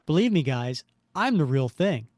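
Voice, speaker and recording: A man's voice: fairly high pitch, sing-song, moderate pace, a little mellow, dry recording, studio quality. A man voicing a wisecracking young male superhero, with a sardonic, joking inner monologue.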